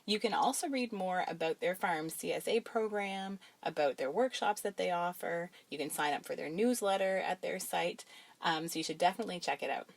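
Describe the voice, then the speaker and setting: A woman's voice: lowish voice, fairly quick, vocal fry. A woman hosting a food podcast, chatting in an upbeat, encouraging way and then closing the episode. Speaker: podcast host. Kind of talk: casual chat and outro. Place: home kitchen.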